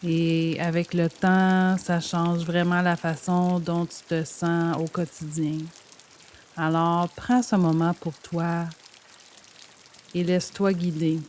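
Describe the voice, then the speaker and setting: Over a steady patter of rain and a little background noise, a woman with a fairly low voice guides yoga nidra meditation. She speaks softly and soothingly at a measured pace, leaving pauses between her phrases.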